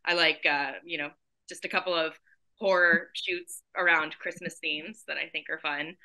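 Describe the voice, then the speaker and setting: A woman in her forties, a photographer appearing as a guest, chats enthusiastically in a casual video-call interview from her living room in San Diego, California. Her voice is deep and her pace normal, and she gestures animatedly with her hands. The audio quality is poor.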